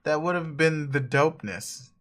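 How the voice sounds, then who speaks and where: Male reader doing a profane, self-mocking cool teen boy; rambling, slightly high voice, webcomic reading. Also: moderate pace, a bit bright. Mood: grumbling. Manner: profane, rambling, laughs a lot.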